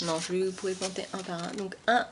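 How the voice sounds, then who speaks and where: A woman's voice: medium pitch, fairly even intonation, a little fast. A young woman with a French accent chatting casually through a haul video at home, hesitant and full of fillers, recorded on a camera mic. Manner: hesitant, many fillers and repetitions. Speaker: beauty vlogger. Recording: faint background noise.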